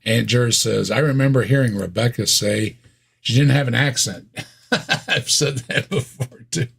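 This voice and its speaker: A man with a Midwestern American accent co-hosts a casual chat reacting to videos, tossing in wry, sarcastic asides and laughing often. His mid-range voice moves at normal speed and is gravelly, fairly bright and slightly rough.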